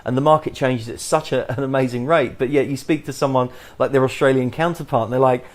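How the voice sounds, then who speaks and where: A man with an English accent hosting a podcast interview, talking haltingly with many restarts. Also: mid-range voice, fairly even intonation, a little mellow. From England. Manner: halting, many restarts and fillers, chuckles often. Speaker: podcast host.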